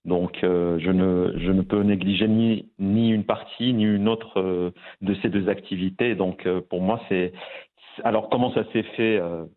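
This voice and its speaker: A Moroccan man in his fifties, a pharmacist and visual artist, appears as a guest in a casual interview, discussing his work with many fillers and restarts. His deep voice holds a steady tone at a measured pace, and the audio is narrow and tinny.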